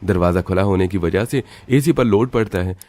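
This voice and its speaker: A man narrates a cartoon story in an even, matter-of-fact way. His voice is very low. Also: normal speed, no room sound.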